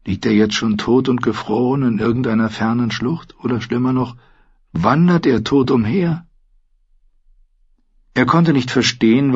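A man reading an audiobook in a measured, low-key narration. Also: husky. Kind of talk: scripted narration. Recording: dull lo-fi recording.

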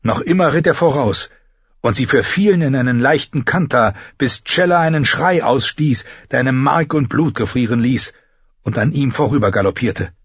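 Husky-voiced man narrating a fantasy audiobook. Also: medium pitch, expressive, normal speed, no room sound. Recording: slightly dull lo-fi dry recording.

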